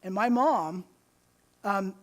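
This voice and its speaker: A man's voice: high voice, slow pace, fairly bright tone. A man giving a conversational church talk, often restarting words and checking in with his listeners. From United States. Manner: conversational, repeats words while restarting, checks in with "okay?" and "right?". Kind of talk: sermon-style talk.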